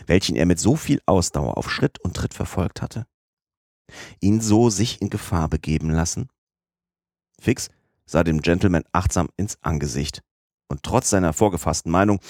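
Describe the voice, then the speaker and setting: A man narrating an audiobook in a measured, even storytelling manner. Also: sits low, dry recording, studio quality. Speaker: audiobook reader.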